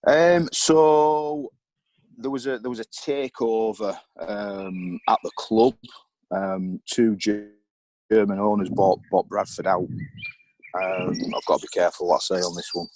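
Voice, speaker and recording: A man's voice: fairly low pitch, steady tone, measured pace, a little mellow, dry recording, rough recording. A middle-aged man, a former footballer and board member, candidly telling stories as a podcast guest, rambling with lots of ums and you knows.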